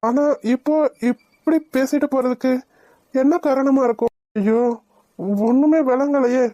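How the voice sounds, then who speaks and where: A woman's voice: high-pitched, steady tone, a little slow, warm tone, no echo. A woman voicing an anxious young woman in a cartoon, fretting and asking questions. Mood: worried. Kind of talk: cartoon voice acting.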